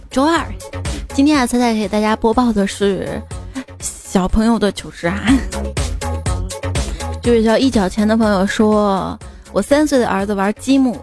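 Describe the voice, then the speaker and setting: A woman with a fairly high voice hosts a light comedy show, reading out listeners' funny stories. She talks in a chatty, easygoing way and chuckles now and then. Soft background music plays under her voice. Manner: chatty, chuckles between jokes. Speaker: host of a funny-stories program. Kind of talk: reading listener jokes on radio-style show. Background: faint background music.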